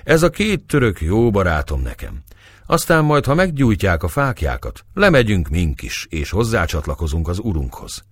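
A man's voice: sits low, huge pitch swings, breathy edge, no echo, exaggerated voice. A man reading the part of a cheerful, coaxing nobleman feasting with friends. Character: jovial Hungarian nobleman feasting with Turks.

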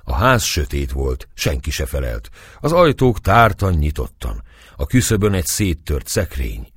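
A man narrating an audiobook with expressive storytelling. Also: a bass voice, husky, no room sound, studio quality.

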